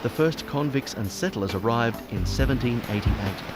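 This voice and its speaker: Male documentary narrator, animated delivery, over clear music. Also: mid-range voice, normal speed. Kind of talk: scripted narration.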